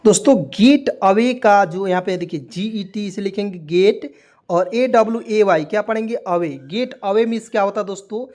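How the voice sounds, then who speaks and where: Hindi tutor spelling English words slowly. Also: male voice, high-pitched, a little mellow. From rural India. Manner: spells letters out and repeats meanings slowly, keeps asking "okay?". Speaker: English teacher.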